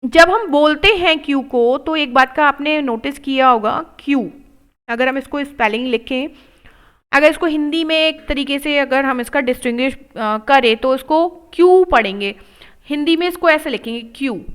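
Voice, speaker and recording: A woman teaches an English reading lesson, slowly drilling words one by one and explaining in a mix of Hindi and English. Her voice sits high, and the audio quality is poor.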